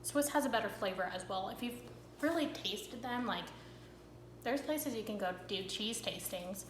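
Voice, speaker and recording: A woman's voice: medium pitch, expressive, moderate pace, reverberant, background noise. A young woman hosting a cooking vlog, chatting casually to camera with a rambling, filler-filled manner.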